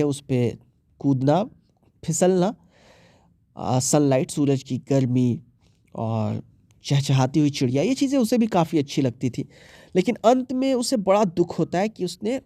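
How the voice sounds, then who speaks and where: A young man with an Indian English accent walks students through exam questions, mixing English terms into his Hindi. His voice is mellow and his recording sounds dry and close. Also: on the high side, no room sound. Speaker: English teacher. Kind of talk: exam prep lesson.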